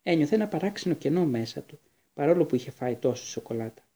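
A man reading a fantasy novel aloud as an audiobook narrator, with steady storytelling. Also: a little high.

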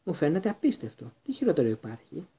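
A man's voice: a little high, wildly swooping pitch, dark tone, slightly rough, pitched above the performer's own voice, exaggerated voice. A man doing a chatty female innkeeper.

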